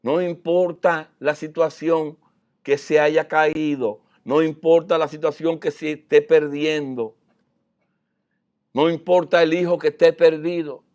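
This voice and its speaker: Preacher, male, high voice, sermon that swings from hushed to loud. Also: steady tone, a little slow, lo-fi sound.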